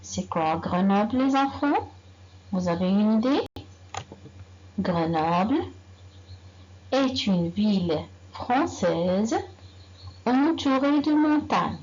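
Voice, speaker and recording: A woman teaching a grammar lesson to young children, slow and patient, repeating sentences and quizzing the class. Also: mid-range voice, lively intonation, darkish tone, highs cut off, a little hiss or hum. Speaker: primary school teacher.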